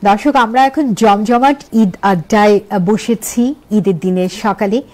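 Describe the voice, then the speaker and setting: A Bangladeshi woman hosts a festive TV talk show. Her voice is soft-edged and warm in tone, at a middle pitch, as she sets out questions in rolling lists. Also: unhurried.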